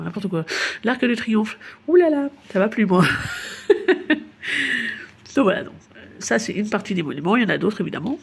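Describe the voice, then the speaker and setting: A Parisian tour guide speaks in a mid-range, husky voice with vocal fry. Her narration of the city tour is casual and aimed at the listener, and she's chatty and informal, laughing at her own slips.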